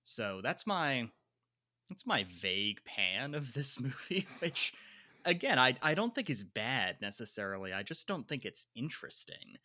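A man's voice: mid-range voice, very animated, a little slow, bright, forceful tone, dry recording, clean studio sound. A man with a slight New Jersey accent, co-hosting a podcast and talking through his view of a film, hedging and repeating words as he thinks. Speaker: podcast co-host. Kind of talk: casual film discussion.

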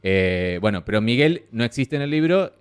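A man co-hosting a casual film-review podcast, chatty and lively. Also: medium pitch, moderate pace, smooth. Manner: lively, chatty, mimics voices mockingly. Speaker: podcast co-host.

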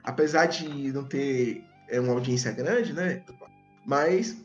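A man's voice: medium pitch, takes it slowly. A man hosting a casual podcast with a tongue-tied, slushy lisp, stumbling over and repeating words in a self-deprecating way. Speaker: podcast host. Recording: dull lo-fi audio, background music.

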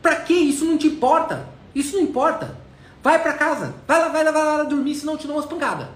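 A man with a Brazilian accent voicing a tired, gruff working father who is short with his son. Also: sits high, quick pace, lightly acted. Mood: irritated. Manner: impatient, shouting at first. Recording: echoey room, faint noise.

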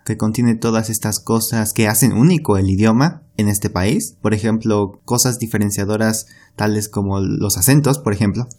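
A man co-hosting a Spanish-learning podcast as a teacher, explaining in a steady, agreeable way. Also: lowish voice, moderate pace, few pauses. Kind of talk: casual podcast conversation.

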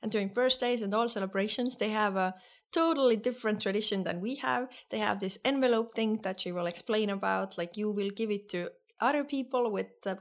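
A woman's voice: medium pitch, a little fast. Friendly woman podcast co-host. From Estonia. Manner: friendly, encouraging, lots of mm-hmms. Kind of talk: casual podcast chat.

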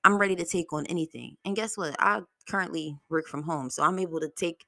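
Woman, 30s, low voice, dry close sound, blunt, profane, motivational monologue. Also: fairly quick, creaky, pushed and bright, dry recording. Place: home.

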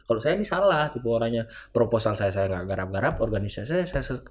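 A man's voice: mid-range voice, expressive, fast. A young man, a student organization leader, answering interview questions in a rambling way, full of filler tags. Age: young adult.

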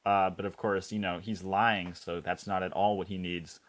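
A man with a fairly low voice co-hosting a podcast, discussing a TV episode in easy conversation. He talks in a thoughtful, measured way and pauses on ums as he gathers his thoughts. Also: level tone. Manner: thoughtful, measured, uses fillers like um. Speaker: podcast co-host. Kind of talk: casual chat about a TV episode.

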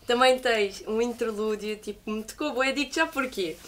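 A woman's voice: on the high side, normal speed, fairly bright tone. A woman interviewer chats casually about music, thinking aloud in slangy, agreeable phrases full of filler words.

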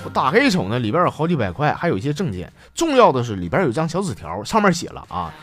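A man's voice: fairly high pitch, wildly swooping pitch, quick pace, fairly bright tone. A man with a Northeastern Mandarin accent hosting a radio joke show, telling stories with teasing punchlines. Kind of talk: comic storytelling.

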